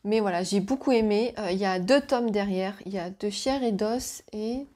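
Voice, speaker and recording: A woman's voice: medium pitch, moderate pace, mellow. A woman vlogger chatting casually about her month's reading, hesitant and full of fillers. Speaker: book vlogger.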